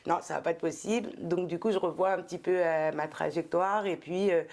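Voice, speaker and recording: In a casual interview, a middle-aged Frenchwoman, an entrepreneur who used to be a specialized educator, shares her story as a guest. Her voice is low, gravelly, steady and somewhat dark, and she speaks thoughtfully with frequent pauses, hesitations and fillers.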